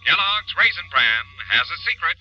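A man gives an upbeat radio commercial in a higher, lively voice that swings up and down. He uses an emphatic, sing-song salesman delivery. The sound is dull and lo-fi, like an old broadcast transcription disc. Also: moderate pace, over loud music. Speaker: commercial announcer.

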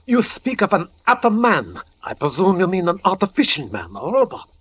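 An actor playing an anxious, deferential Nazi chemist with a German accent in a 1940s radio serial. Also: male voice, high voice, huge pitch swings, slightly rough, heavily acted. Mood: anxious, doubtful. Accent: German, put on for the role. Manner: agitated, halting, deferential. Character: excitable, anxious male Nazi chemist, devoted follower. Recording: dull old radio broadcast recording.

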